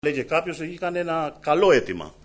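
A man preaching a sermon, building emphatic repeated phrases and dropping low and soft to call the listeners brothers. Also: big pitch swings. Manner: preaching with rising, emphatic repetitions and frequent "eh" fillers.

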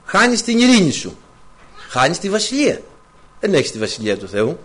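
Animated male preacher, high-pitched and lively. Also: slightly rough. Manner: animated, rhetorical questions, quotes scripture. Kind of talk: sermon.

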